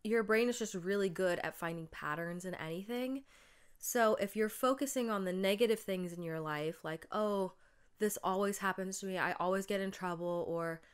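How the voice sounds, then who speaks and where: A young woman with a smooth, fairly low voice chats casually through a solo monologue on her own podcast. She uses plenty of fillers, and she still sounds stuffed up from a cold.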